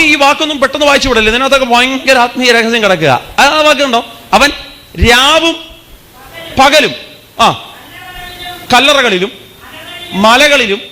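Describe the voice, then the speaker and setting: A man preaching a revival sermon with a bright, forceful edge to his voice. He keeps putting questions to the congregation and calling on them to give praise. His voice sits high for a man. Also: a little hiss or hum. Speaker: pastor. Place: church meeting.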